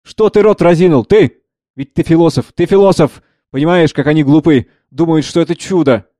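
A man reading the part of an agitated young freethinker who shouts, mocks and pleads. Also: on the high side, fairly quick, dry recording, clean studio sound, voice pushed up, close to an everyday voice. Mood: frantic.

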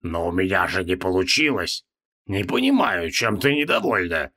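A man reading an audiobook, voicing a weary, sardonic male demon prisoner in a low, subdued drawl. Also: sing-song, normal speed, sharp tone, full character voice.

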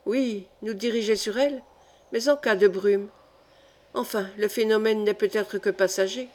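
A woman's voice: mid-range voice, steady tone, moderate pace, a little mellow, close to an everyday voice. A woman reading the lines of a frightened male polar geologist in an audiobook, murmuring anxiously. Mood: worried. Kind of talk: audiobook character voice.

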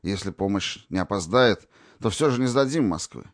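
A man's voice: fairly low pitch, expressive, normal speed, dry recording, clean studio sound, lightly acted. A man reading a tired, resolute male officer. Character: male officer defending city, tired but proud.

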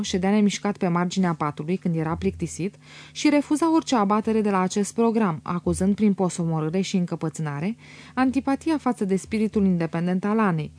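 A woman reading a novel as an audiobook in an even, measured way. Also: mid-range voice. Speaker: audiobook reader. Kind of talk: scripted audiobook narration.

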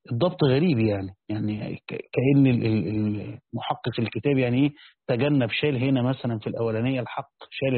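Reading from a classical Quran commentary, an Egyptian-accented man explains each passage and fields questions he asks himself. His voice is husky and mid-range, with no echo, though the sound is tinny and lo-fi like a phone.

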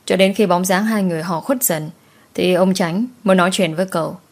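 A woman's voice: on the low side, fairly even intonation, brisk. A woman narrating a dramatic folk tale and giving each character a voice of her own. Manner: voices every character herself, shifting tone for each. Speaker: storyteller.

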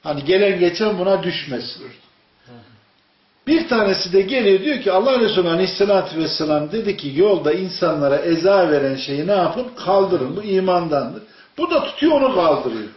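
A man's voice: high-pitched, animated, a little fast. A man preaching an informal sermon to a small group, telling stories and asking his listeners questions. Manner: storytelling, asks the audience questions. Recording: echoey room, dull lo-fi sound.

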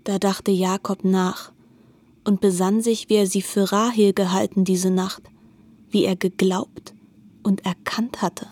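A woman narrating a literary radio drama in a soft, often half-whispered voice. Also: mid-range voice, flat delivery, a little slow.

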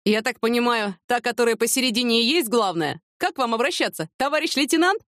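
A woman's voice: on the high side, animated, fairly quick, fairly bright tone, dry recording, studio quality, pitched above the performer's own voice. A woman voicing a mocking, sarcastic middle-aged police lieutenant colonel in an audiobook. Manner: sarcastic, teasing.

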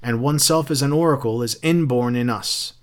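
A man voices a smug fire captain in a story, gloating and taunting as he theatrically mocks and rattles off literary quotations. His mid-range voice is a little fast and close to his everyday speech.

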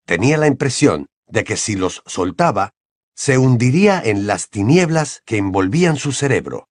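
Male narrator, mid pitch, lively and dramatic, dry close sound. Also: normal speed, dry recording. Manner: expressive, dramatic reading. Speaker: audiobook narrator. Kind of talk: scripted narration.

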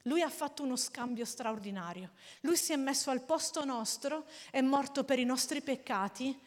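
A woman preaching a sermon in an animated, storytelling way with frequent laughs. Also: sits high, moderate pace. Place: church hall. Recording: long hall reverb.

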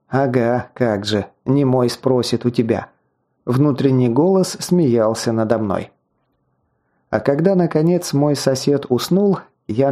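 A man narrating a fantasy novel in the first person, in an even, storytelling manner with wry asides. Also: mid-range voice. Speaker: audiobook narrator.

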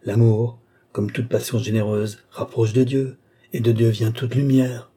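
A devoted young clairvoyant woman, read by a man softly recounts her trance visions at a slow, dreamy pace. The voice is dark and a little husky, in a storybook reading. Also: medium pitch, flat delivery. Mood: dreamy entranced.

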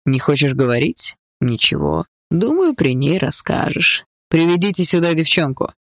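A cruel, well-groomed villain who coaxes with a gentle fatherly tone and turns cold in a breath. His voice is gravelly and dry as a male narrator plays him, and it swings widely in pitch. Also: big pitch swings, moderate pace, no room sound. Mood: mocking. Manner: mock-gentle, fatherly menace. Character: smooth cruel middle-aged stepfather villain.

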